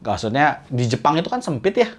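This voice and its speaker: A man, casually explaining dating tips in a chatty, slangy way. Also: fairly quick. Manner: slangy, chatty, jumps between high excited bits and low asides. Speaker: vlogger giving dating tips.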